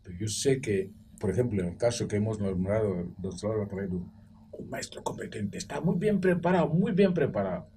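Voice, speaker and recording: An older man from Equatorial Guinea, a former school director, telling animated anecdotes and acting out quoted voices on a television roundtable. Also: lowish voice, a little fast. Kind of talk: roundtable debate. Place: TV studio. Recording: distant mic with faint background noise.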